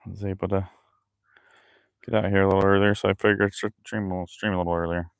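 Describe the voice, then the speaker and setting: A man's voice: low voice, flat delivery, fast talker, creaky, dry recording, studio quality. A man chatting casually with live-stream viewers while he works outdoors by a creek, talking loosely between tasks. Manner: chats loosely with viewers while busy with his hands. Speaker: fishing livestreamer.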